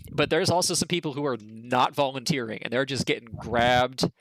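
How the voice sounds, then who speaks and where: A man narrating a tabletop game as game master, in an informal, slangy, halting way. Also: medium pitch, fairly bright tone, no room sound, poor audio.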